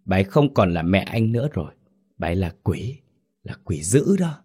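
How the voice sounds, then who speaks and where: A man's voice: low voice, sing-song, moderate pace, a little mellow, breathy edge, full character voice. A man voicing a desperate father who pleads and insists in a horror story reading.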